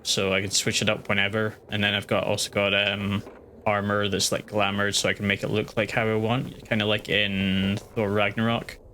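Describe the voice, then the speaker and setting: A man's voice: fairly low pitch, level tone, normal speed, sharp tone, slight background noise. A man streaming a game live, chatting casually and rambling with lots of restarts. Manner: rambling, full of fillers and restarts. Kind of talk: casual gaming livestream chat.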